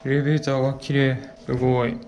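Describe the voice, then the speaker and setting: A man's voice: mid-range voice, level tone, fast, a little mellow. A young man with a Kansai accent, chatting and musing to himself as he rides and walks through a seaside town, recorded on an action camera. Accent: Kansai Japanese. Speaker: motorcycle touring vlogger. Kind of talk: casual solo travel vlog commentary. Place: outdoors, riding a motorcycle and walking a seaside town. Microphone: action camera with external mic, helmet-mounted or handheld. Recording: outdoor noise, traffic and wind.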